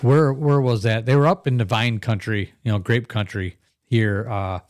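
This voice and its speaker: A middle-aged man hosting a casual live stream, rambling and chatty, breaking into laughs as he reads out viewer comments. His voice sits at an everyday middle pitch. The sound is dry and close, with no room echo. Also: fairly even intonation, normal speed, a little mellow. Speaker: live podcast host.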